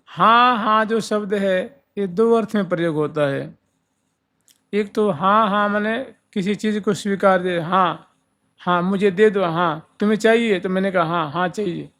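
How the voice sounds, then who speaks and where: A man's voice: high voice, a bit bright. A man giving a devotional discourse, explaining verses line by line and singing some lines drawn out. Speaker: devotional storyteller.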